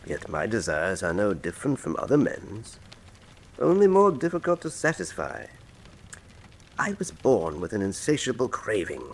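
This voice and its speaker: Moriarty, a grandly theatrical criminal mastermind. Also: male voice, on the low side, huge pitch swings, heavily acted, low-quality recording. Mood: grandiose confession. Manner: pompous, theatrical, eloquent, deliberate monologuing. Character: suave, grandiose male criminal mastermind professor, coolly menacing. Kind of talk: radio drama acting.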